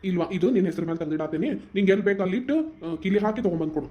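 A voice actor playing a soft-hearted older village father in a family cartoon, speaking North Karnataka Kannada in a rapid, affectionate, reassuring way. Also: mid-range voice, muffled recording, close to an everyday voice. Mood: explaining, caring.

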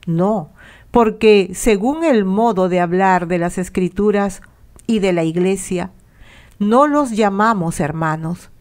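Unhurried woman reading a liturgy. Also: medium pitch, darkish tone. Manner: measured, sometimes half-chanted. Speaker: liturgical reader. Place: radio studio.

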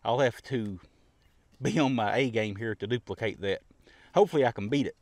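A man's voice: medium pitch, a little fast, a little mellow. A middle-aged man hosting his shooting vlog, explaining step by step in a plain, easygoing way from a covered outdoor range bench. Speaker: shooting channel host. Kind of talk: casual instructional vlog.

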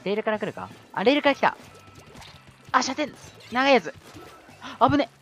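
A man giving live commentary over his own gameplay, excitable, yelling at tense moments and adding self-mocking asides. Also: extremely high pitch, moderate pace, highs cut off, soft background music.

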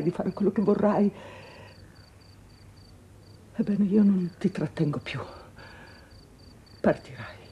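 An actress playing an anguished, guilt-ridden middle-aged mother in a 1980s TV drama, speaking slowly in a hushed, sorrowful voice that often drops to a whisper. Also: on the low side, husky, full character voice.

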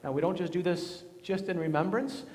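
A man leading worship as pastor, praying and speaking in a measured, solemn way, his voice ringing with a cathedral echo. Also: high voice, a little mellow. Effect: cathedral echo, long church reverb. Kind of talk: liturgical prayer and communion address. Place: large church sanctuary. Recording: long reverb of a large church hall.

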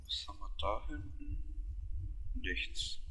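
A man's voice: fairly low pitch, lively intonation, takes it slowly, bright, forceful tone, breathy edge, rough recording. A man hosting a let's play, giving casual gameplay commentary in an offhand, muttering way. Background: game music.

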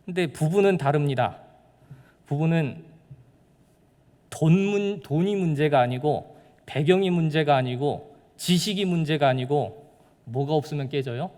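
A man's voice: fairly high pitch, measured pace, long pauses, darkish tone, long reverb tail. A man preaching a sermon as pastor, in a conversational way with rhetorical questions. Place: church.

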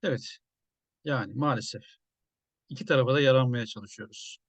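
A man's voice: medium pitch, brisk, no room sound. Musing man with a dry, close voice. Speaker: journalist commentator. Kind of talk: casual video commentary.

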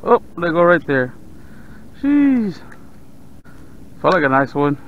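A man with a South Texas accent giving relaxed running commentary while fishing from a kayak on open bay water, talking to the fish and his viewers. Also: fairly high pitch, slow pace. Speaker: fishing vlogger. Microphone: action camera on the kayak. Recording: dull outdoor camera audio with faint water noise.

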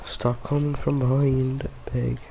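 A man's voice: mid-range voice, little pitch movement, slow, gravelly, mellow, a little hiss or hum. A young man giving casual, frustrated commentary on his own gameplay, swearing and muttering to himself. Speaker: gamer.

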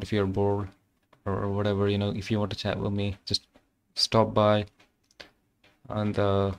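Casually chatting on his game stream, a young Malayalam-speaking man from Kerala talks with an Indian accent, using plenty of fillers and loose phrasing. His voice is lowish and smooth, recorded through a condenser mic.

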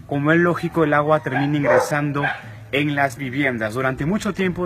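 A man reporting live in the field, his voice a little high, with a formal, steady delivery. He speaks into a handheld mic outdoors on a dusty hillside, and clear wind and street noise sit under his voice. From Peru.

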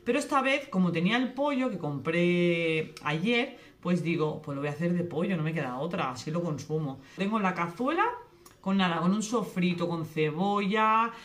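A young woman vlogging casually from her home kitchen, talking quickly and cutting herself off mid-sentence. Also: lowish voice. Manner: fast, chatty, self-interrupting. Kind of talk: casual kitchen vlog chat. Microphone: camera on tripod.

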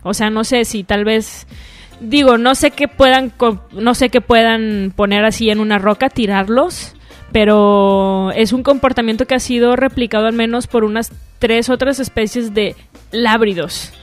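A woman's voice: a little high, steady tone, unhurried. A young woman with a Mexican accent hosting a casual solo radio show, chatty and full of slang and swearing. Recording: music playing faintly behind.

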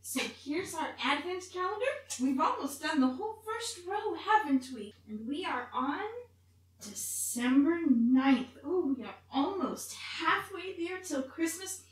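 In a home kitchen, a middle-aged woman playing Mrs. Claus hosts a cooking show, demonstrating a recipe to camera in a homely, chatty, grandmotherly storybook way. Her high voice is expressive and measured in pace. The recording is very echoey, with a distant mic and faint room noise.

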